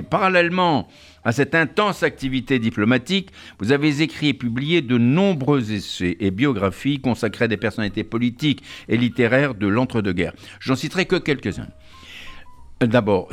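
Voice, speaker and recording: Male radio host, formal studio introduction, some fillers, soft music bed. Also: mid-range voice. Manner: formal, reads a long guest introduction with fillers.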